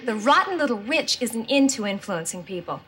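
A woman's voice: a little high, big pitch swings, a little fast. An actress playing a catty, sarcastic rich woman. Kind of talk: sitcom acting. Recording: distant voice with loud noise.

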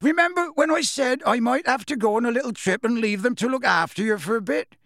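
A man voicing Hagrid, a huge gruff half-giant man who is boisterous and kind, in an audiobook, with loud, slow, drawn-out coaxing. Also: very high-pitched, no room sound, clean studio sound, pitched above the performer's own voice. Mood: shouting, coaxing. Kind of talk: audiobook character voice.

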